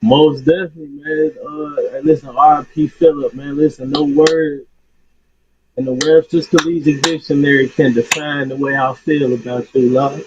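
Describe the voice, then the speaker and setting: A man's voice: fairly high pitch, steady tone, normal speed, a crowd in the background. A man calling in to a talk show over a distorted phone line, sounding muffled as if heard through a wall or hose, talking in a laid-back, slangy, rambling way. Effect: muffled, distorted phone line, as if talking through a water hose. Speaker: caller. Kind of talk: casual call-in chat.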